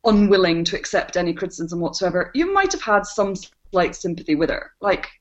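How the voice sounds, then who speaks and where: A woman's voice: on the low side, very animated, fairly quick, highs cut off. A woman co-hosting a podcast, chatting in a dry, wry way and laughing often. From Scotland. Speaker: podcast co-host. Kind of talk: casual podcast chat.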